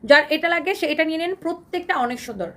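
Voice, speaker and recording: Fast, high-voiced hoarse woman selling dresses live. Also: animated, a bit bright, recorded from a distance. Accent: Bangladeshi Bengali. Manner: enthusiastic, repetitive, mixes English phrases. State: hoarse from shouting. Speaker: live-sale fashion seller. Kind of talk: live shopping sales pitch.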